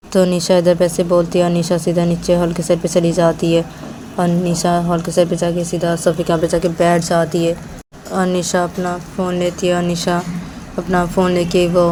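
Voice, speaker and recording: A woman's voice: on the low side, noisy background. A woman narrating a romantic story informally, in long run-on sentences joined by "and then". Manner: plain, run-on retelling with many "and then".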